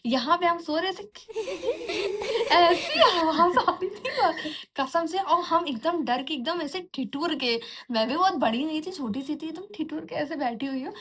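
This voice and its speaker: With a high, fairly bright voice and a little hiss or hum in the audio, this young vlogger tells a personal horror story in a chatty style. She frequently restarts, slips in English words, and mimics spooky sounds such as anklets jingling and giggling.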